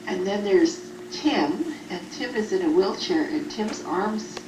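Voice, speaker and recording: A group home care worker speaks in a mid-range voice with lively intonation and a measured pace, as though recording an audio letter to a child and explaining things in simple phrases. She was captured on a cassette recorder set at a distance, so the tape sounds roomy and noisy.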